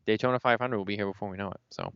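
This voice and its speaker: Young male podcast host, low smooth voice, dry dull lo-fi sound, chatty and opinionated. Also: racing, no echo. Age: 20s. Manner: rambling, animated opinions. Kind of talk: casual podcast chat. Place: indoor smoking lounge.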